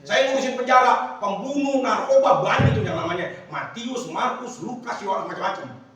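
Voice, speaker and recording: Male pastor, casual slangy sermon, high-pitched, very roomy distant church sound. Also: expressive, normal speed, a bit bright, soft background music. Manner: casual slangy preaching with call-and-response. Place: church hall. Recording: very echoey church hall, mic at a distance.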